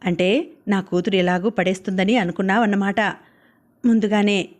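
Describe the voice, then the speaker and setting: A woman voicing a sharp-tongued, scornful village mother who scolds and accuses in a storybook reading. Her delivery stays flat. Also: medium pitch, moderate pace, close to an everyday voice. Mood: accusing.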